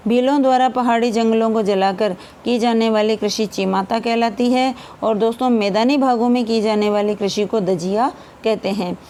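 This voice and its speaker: Woman exam tutor, fairly high voice, quiz-style recap over a faint hiss. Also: fairly even intonation, normal speed, dark tone. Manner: addresses viewers as friends, asks and answers her own questions. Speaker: exam-prep teacher. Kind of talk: fast revision lesson.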